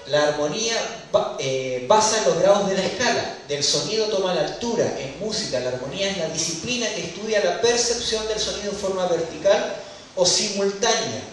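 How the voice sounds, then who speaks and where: A man's voice: sits high, lively intonation, a little fast, slight background noise. A man preaching in a church, explaining rhythm and harmony step by step and counting beats aloud. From Chile. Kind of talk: sermon teaching on music theory. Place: church hall. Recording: very echoey church hall, mic far off.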